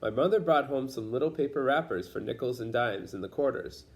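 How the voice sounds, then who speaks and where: For an audience of young children, a male storybook reader narrates a picture book in simple phrases, the way read-aloud storytellers do. He speaks fairly quickly and expressively in a medium-pitched voice.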